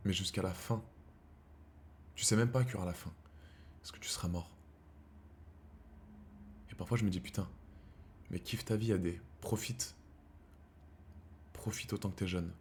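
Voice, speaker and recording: His voice sits low and steady at normal speed, broken by long pauses, with slight background noise behind it. The streamer, in his thirties, chats casually and slangily with his viewers, calling them brothers, and swings between heated rants and quiet musing.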